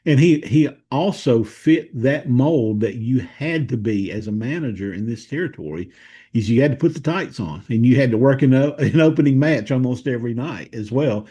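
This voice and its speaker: A man from Tennessee with a Southern accent, a guest historian recalling details thoughtfully in a conversational interview, pausing to search for words. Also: medium pitch, animated, warm tone, husky, highs cut off.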